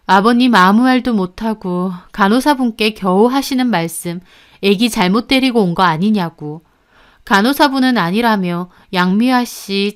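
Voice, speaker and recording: A woman narrating a first-person family drama story in a steady, scripted reading voice. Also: medium pitch, clear, resonant tone.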